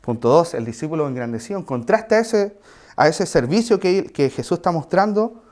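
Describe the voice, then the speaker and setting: A man's voice: fairly high pitch, lively intonation, normal speed, darkish tone. A man preaching a sermon in a conversational way, with asides and questions to the congregation.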